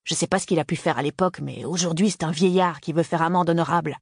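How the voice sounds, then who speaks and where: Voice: medium pitch, fairly even intonation, fast talker, gravelly, dry recording, studio quality. A reader voicing Henry, an insistent young student. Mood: sulky. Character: young man, restless university student son. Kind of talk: audiobook character reading.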